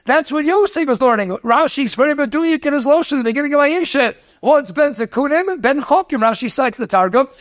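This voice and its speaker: Here a rabbi teaching Torah talks fast in a very high male voice with lively intonation, weaving Hebrew and Yiddish words into his lecture. Rhetorical questions and stories fill the talk, and the sound is dry and studio-clean.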